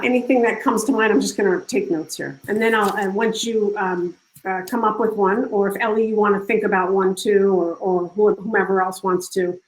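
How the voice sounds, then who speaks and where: Woman coaching on a roomy video call. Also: mid-range voice. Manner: casual, warm coaching with restarts. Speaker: workshop speaker. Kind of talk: live online workshop talk.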